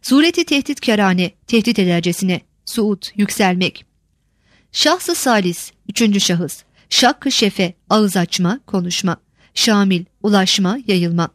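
Woman, measured glossary reader, headwords stressed, dry booth sound. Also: animated, no room sound. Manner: measured, list-like reading, stresses each headword higher. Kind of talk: reading a glossary of old words.

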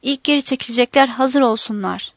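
A woman's voice: fairly high pitch, brisk, no echo, studio quality, close to an everyday voice. A woman reading the lines of a determined male guerrilla leader, giving terse commands in a storybook reading. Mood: firm.

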